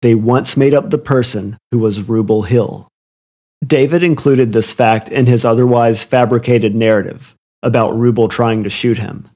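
A man's voice: mid-range voice, fairly even intonation, moderate pace, warm tone. A man narrating a scripted true crime story in an ominous, literary storytelling manner. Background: music under the voice.

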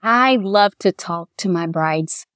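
A middle-aged woman with a Kentucky accent speaks in an easy, chatty way, sounding heartfelt as she talks. Her voice sits at a middle pitch, and it is recorded dry and close, with no room echo. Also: takes it slowly, clear, resonant tone. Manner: chatty, heartfelt, quotes others in lively voices. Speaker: bridal shop owner and dress designer. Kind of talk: casual interview.

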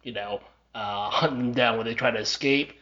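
This podcast co-host has a mid-range voice that sounds pushed and bright, moving at a moderate pace. He's laid-back in the casual chat, chuckling and tailing off into fillers, and the recording is dull lo-fi podcast audio.

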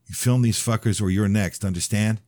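A man's voice: lowish voice, moderate pace, dark tone, dry recording, clean studio sound, voice pushed up, lightly acted. A man voicing a crude, impatient gunman in an audiobook, barking profane threats. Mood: menacing. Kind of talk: audiobook character voice.

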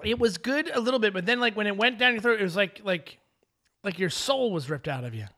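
A man's voice: high voice, lively intonation, fairly quick, pushed and bright. A man co-hosting a casual podcast, teasing the others and joking in an exaggerated way. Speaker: podcast co-host. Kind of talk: casual chat.

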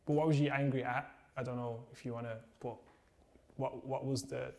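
A man's voice: medium pitch, fairly even intonation, moderate pace, gravelly, a little mellow, a little hiss or hum. A man hosts a casual interview, asking questions in an encouraging, conversational way. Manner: encouraging, frequent affirmations.

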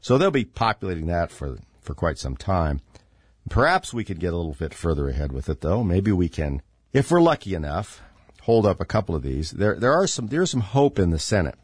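Rambling sardonically and packing in fillers, a middle-aged podcast host gives a casual monologue on politics. He speaks low, very animated and a little fast, with a breathy edge and a slightly stuffy, congested quality. It's a dry, studio-quality recording.

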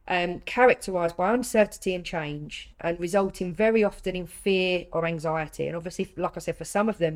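Female British host for a conversational interview; slightly low register, empathetic, chatty delivery.

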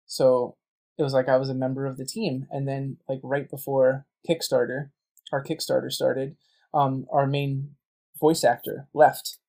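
A man's voice: mid-range voice, level tone, a little slow, gravelly, mellow. A man guesting on a podcast, chatting casually and telling stories full of quoted back-and-forth. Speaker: guest, game writer and voice actor.

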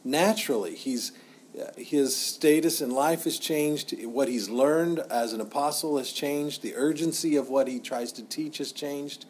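Slightly high, a little mellow and husky, this middle-aged man's voice carries his pastoral teaching. He speaks in a casual, halting way, frequently repeating himself.

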